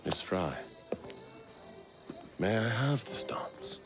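Slow, suave gentleman villain. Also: fairly low pitch, very animated, full character voice. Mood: suave menace. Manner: slow, measured, counting and philosophizing while slow dancing. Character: suave, menacing middle-aged gentleman villain in Victorian London. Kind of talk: dramatic game cutscene acting. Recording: loud orchestral waltz music behind. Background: loud string dance music.

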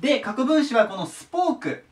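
A man's voice: very high-pitched, big pitch swings, unhurried, distant mic. A man teaching English verbs to students, patiently repeating each word form. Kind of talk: explaining English vocabulary to students.

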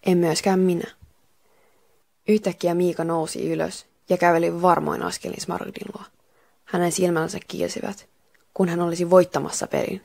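Woman reading a kids story, lowish voice with some gravel, calm and even. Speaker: reader. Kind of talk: scripted narration of a children's story.

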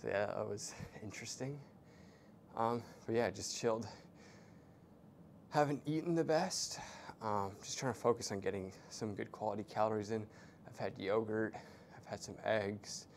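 A young man chats in a relaxed, rambling way, full of fillers, while he works out. His voice sits fairly low. A faint rumble hums underneath, picked up by a small clip-on mic in a hotel gym. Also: moderate pace, vocal fry. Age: young adult. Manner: laid-back, rambling with many fillers. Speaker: fitness vlogger. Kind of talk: casual vlog narration between sets. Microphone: small clip-on mic, camera at a distance.

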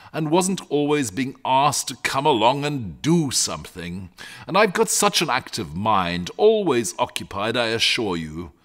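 Here a man gives voice to a talkative, easygoing dragon, lazy and good-natured, whose rambling speech is full of prim, old-fashioned gentlemanly turns of phrase. It's a storybook reading, delivered in a mid-range voice that's been raised.

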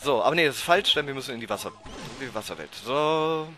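A man commentating a blind playthrough of a video game, excitable and prone to frustrated outbursts and swearing. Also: medium pitch, quick pace, soft background music. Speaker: let's player. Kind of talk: blind let's play commentary.

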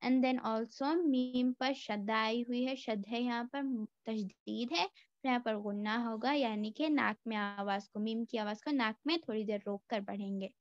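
A woman teaches Quran recitation, patiently explaining each point and stretching the words out slowly. Her voice is smooth and fairly high. The recording is dry and a little dull. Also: fairly even intonation, dry recording. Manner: slow, drawn-out demonstration of words. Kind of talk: tajweed lesson mixing Hindi and English.

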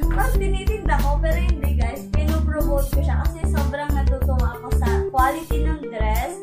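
A woman's voice: high-pitched, brisk. A young Filipino woman chatting casually in a try-on haul vlog, chatty and giggly, mixing English into her talk. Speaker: vlogger. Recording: echoey room with loud background music. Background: loud upbeat pop music.

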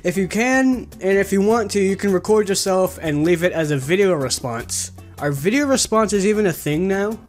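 A man's voice: high voice, lively intonation, normal speed, few pauses, faint music behind. A young man chatting casually to camera as a vlogger, into a desktop mic in a small room. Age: young adult. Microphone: desktop condenser mic, close.

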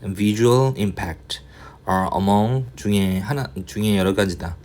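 Grumbling low-voiced male English tutor. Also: darkish tone. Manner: thinks aloud, grumbles and mutters to himself; reads English slowly, explains in quick Korean. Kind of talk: casual reading-passage lecture.

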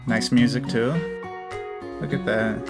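Loud music plays behind this man's steady, mid-range voice. He's an American in his thirties hosting an easygoing reaction video at a desk condenser mic in a small indoor room, full of enthusiasm and quick praise.

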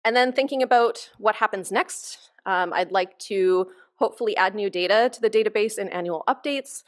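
A woman's voice: mid-range voice, moderate pace. A woman researcher giving a conference keynote from a lectern, explaining her work in an enthusiastic, informal way. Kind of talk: conference presentation. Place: conference hall stage, at a lectern.

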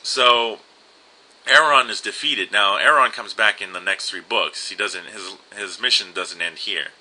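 A man's voice: lowish voice, a little slow, sharp tone, low-quality recording. A young man casually commenting on an old adventure game and reading its text aloud. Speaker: let's play host.

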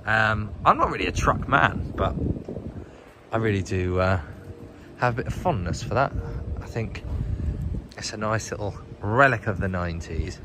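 A British vlogger who hosts a channel about rotten old cars walks around a car workshop giving casual, off-the-cuff commentary. His fairly low voice is animated at a moderate pace, broken by long pauses, with background noise present.

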